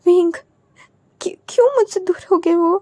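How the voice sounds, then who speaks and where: Woman voicing a heartbroken young man in a storybook tale, soft and halting, mellow tone. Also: sits high, level tone, dry recording, studio quality, lightly acted. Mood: grieving. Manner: soft, halting, half-whispered.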